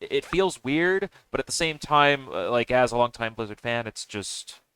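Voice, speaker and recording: A man chatting casually on a podcast, talking haltingly with many restarts and fillers. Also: mid-range voice, animated, a bit bright, clean tone. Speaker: podcast host.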